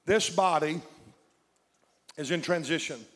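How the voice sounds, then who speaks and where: A man's voice: fairly high pitch, takes it slowly, fairly bright tone. A man with a Southern US accent preaching a sermon in short, emphatic phrases. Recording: long echoing hall reverb.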